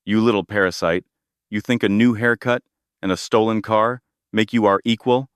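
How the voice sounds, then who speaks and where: A man's voice: on the low side, steady tone, moderate pace, clean tone, no room sound, studio quality, close to an everyday voice. A man voicing a spiteful, wealthy older woman who speaks with scolding contempt. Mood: scornful.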